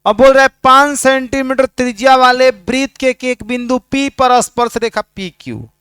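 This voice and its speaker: Male maths tutor, high crisp voice, dry close sound, keeps quizzing the class. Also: normal speed, a bit bright, no room sound. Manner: teasing, questions students constantly. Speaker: maths teacher. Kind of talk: classroom lecture at a board.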